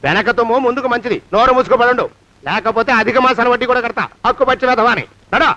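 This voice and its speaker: An actor playing a blustering, vain, middle-aged master who bosses everyone around in a film comedy. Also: male voice, very high-pitched, quick pace, dry recording. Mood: bossy. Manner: blustering, excitable, bossy. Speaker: comic lead in a film scene. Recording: dull dry film audio.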